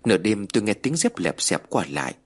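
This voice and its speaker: A man narrating a first-person horror story in a measured, somber way. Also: lowish voice, very animated.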